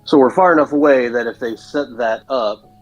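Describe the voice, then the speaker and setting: A man's voice: medium pitch, normal speed, highs cut off, over music. A man playing in a tabletop role-playing game, asking questions and reasoning through theories about the story. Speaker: player.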